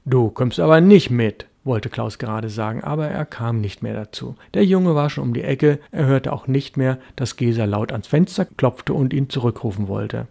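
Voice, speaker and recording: A man narrating a story in a calm, even voice. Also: mid-range voice, moderate pace, creaky, hardly any pauses. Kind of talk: audiobook narration.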